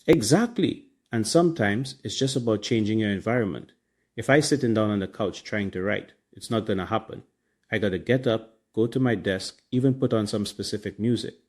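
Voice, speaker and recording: A man's voice: lowish voice, fairly quick, a little mellow. A man with a Trinidadian accent hosting a casual motivational podcast, talking in colloquial Caribbean slang. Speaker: podcast host.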